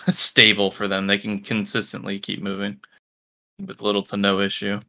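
A man co-hosting a casual podcast, joking and teasing in quick banter. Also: fairly low pitch, monotone, vocal fry, bright, forceful tone. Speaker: podcast co-host.

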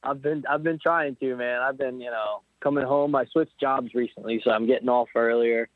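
Speaking at a moderate pace in a steady, medium-pitched voice, this young Pennsylvania man, a nineteen-year-old motorcycle racer, is a guest in a relaxed phone interview. His talk wanders, full of restarts, over a tinny, dry line without echo.

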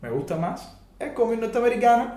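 A man's voice: extremely high pitch, sing-song, fairly quick, warm tone, roomy sound. A man with a Cuban accent in a casual debate, hedging his views and trailing off with fillers. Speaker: podcast guest.

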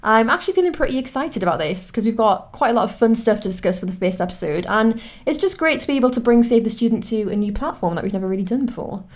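Speaking fast and expressively in a slightly high voice, she barely pauses. She's a twenties podcast co-host from Newcastle, England, with a Geordie accent, upbeat and chatty in casual conversation and leaning on lots of fillers.

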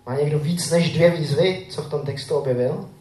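A man's voice: a little high, a little mellow. A male preacher giving a sermon, reading scripture aloud and asking the congregation questions. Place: church hall. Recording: echoey church room.

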